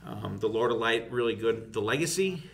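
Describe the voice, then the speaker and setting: A man's voice: mid-range voice, animated, a little fast, vocal fry, soft background music. Rambling profane podcast storyteller man. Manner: rambling, profane anecdote teller. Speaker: podcast co-host. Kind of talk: casual chat.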